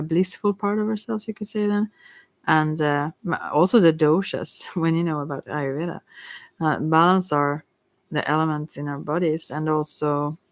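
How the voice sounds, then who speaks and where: A tarot reader rambles through casual spiritual advice on an ASMR livestream, gently encouraging yet hesitant, often breaking off mid-thought. The voice is mid-range and the sound has no echo.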